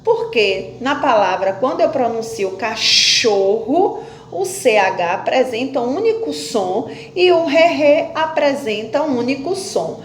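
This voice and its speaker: A woman teacher giving a phonics lesson, slowly spelling out and splitting words into syllables while asking questions and answering them herself. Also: a little high, animated. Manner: slow, stretches out syllables when splitting words. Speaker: primary school teacher. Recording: echoey room with faint background noise.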